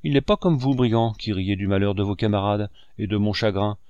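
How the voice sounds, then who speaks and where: A man's voice: fairly low pitch, brisk, a little mellow, smooth, no room sound, highs cut off, close to an everyday voice. A man voicing a cruel, oily middle-aged padrone who speaks in a sugary, mock-tender way.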